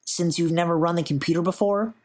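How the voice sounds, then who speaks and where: A fussy, eager physicist with a raised, bright voice, as a man narrating puts him on. He explains in a rush and stumbles a little when he reassures. The pitch sits well above the narrator's low register. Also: fairly even intonation, brisk, natural voice. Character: fussy, eager middle-aged male physicist.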